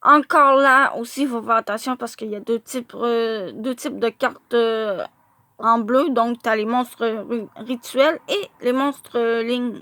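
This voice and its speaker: Hesitant woman vlogger, fairly high voice, unhurried, stumbling over foreign names. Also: pushed and bright, no room sound. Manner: hesitant, frequent filler sounds, stumbles over English names. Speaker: card collector vlogger. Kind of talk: casual card showcase.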